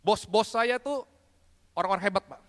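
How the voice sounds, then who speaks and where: Man, Indonesian accent, preaching testimony, animated storyteller, very high voice, reverberant hall. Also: moderate pace. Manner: animated storytelling, addressing listeners as Pak. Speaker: pastor. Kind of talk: sermon testimony.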